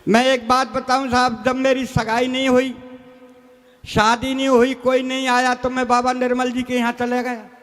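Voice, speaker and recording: A man's voice: very high-pitched, completely flat delivery, normal speed, a bit bright. An older man reciting comic stories as a stage poet, folksy and full of rustic dialect. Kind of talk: stage comedy poetry recital. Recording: echoey hall reverb.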